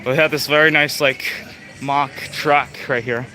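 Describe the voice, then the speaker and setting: An unhurried young man with a mid-range voice and fairly even intonation hosts a casual live walkthrough of a theme park from his handheld phone. He rambles and chats with many fillers, sounding out of breath, while loud park music plays outside.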